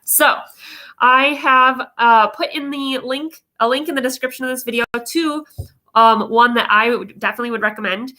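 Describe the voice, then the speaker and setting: Female vocal coach, higher-pitched and very bright, explanatory and emphatic, talking informally to online viewers. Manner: explanatory, emphatic, with frequent check-in questions. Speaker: vocal coach presenting advice videos. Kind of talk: informal instructional talk to viewers.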